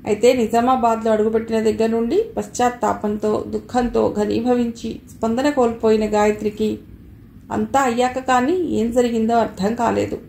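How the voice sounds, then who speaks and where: A woman's voice: a little high, creaky. Woman narrating a novel in a roomy voice. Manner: steady, measured storytelling. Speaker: audiobook narrator. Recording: roomy with faint hiss.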